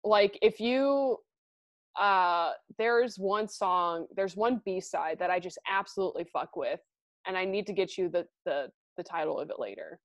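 A woman's voice: mid-range voice, a little slow, dry recording. A woman co-hosting a podcast in casual, informal banter, swearing freely. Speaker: podcast co-host.

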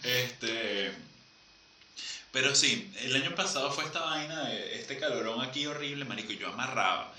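Bright-voiced Venezuelan man, off-mic. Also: medium pitch, normal speed, recorded from a distance. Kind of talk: casual chat. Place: lives in Argentina. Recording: roomy, off-mic with faint noise.

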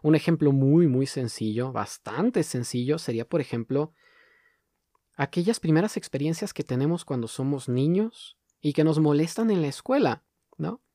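Mellow-voiced man musing aloud. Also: a little high, lively intonation, no room sound, studio quality. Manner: thoughtful, poses many rhetorical questions; slows down to stress key words. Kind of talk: reflective monologue.

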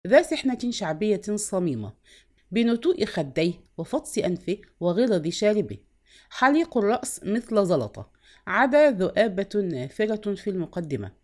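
A woman narrating a novel aloud in a measured, expressive storytelling manner. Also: medium pitch.

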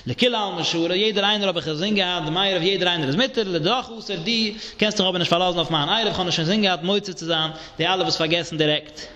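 A man's voice: sits high, fast, few pauses, sharp tone. A man, a rabbi teaching a Talmud class in a singsong study chant, on a dull, echoey recording. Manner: singsong study chant, mixing Hebrew and Aramaic terms. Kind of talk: Yiddish Talmud lecture.

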